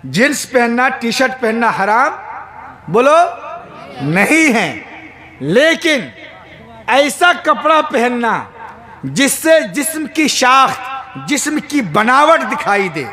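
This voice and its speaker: Maulana, very high voice, jokey sermon, keeps asking the crowd questions. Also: male voice, big pitch swings, takes it slowly, pauses often. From Bihar, India. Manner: humorous, keeps quizzing the crowd, bursts into shouts. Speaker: Islamic preacher. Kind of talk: sermon at a religious gathering.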